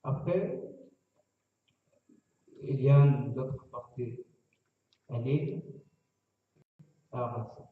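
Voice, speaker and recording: A man giving personal testimony at a public meeting in halting, broken French as a non-native speaker. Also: mid-range voice. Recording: very echoey, phone-like, distant, noisy.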